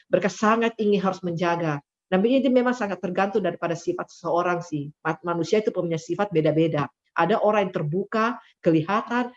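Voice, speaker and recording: A woman preacher, giving a lively sermon over a video call and acting out quoted people in high voices. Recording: dull lo-fi video call audio.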